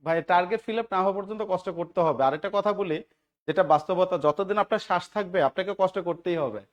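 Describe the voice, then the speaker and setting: A male tutor from Bangladesh runs an English grammar class for job-exam students. His voice sits high, and he drills the room with quick questions that he answers himself. He grows louder and more emphatic when he stresses a key rule. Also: highs cut off. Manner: keeps asking the class short check questions and answering them himself. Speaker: teacher.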